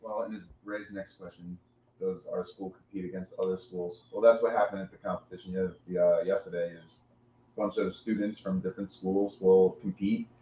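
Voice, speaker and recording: A man's voice: low-pitched, flat delivery, brisk, mellow. A man answering listener questions about jiu-jitsu on a podcast, laid-back and hesitant with many fillers. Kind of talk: casual podcast chat. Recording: echoey room with faint noise.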